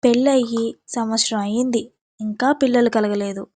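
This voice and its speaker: A woman's voice: fairly high pitch, fairly even intonation, normal speed, darkish tone, dry recording, natural voice. A woman voicing a harsh mother-in-law who speaks curtly and dismissively. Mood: scornful.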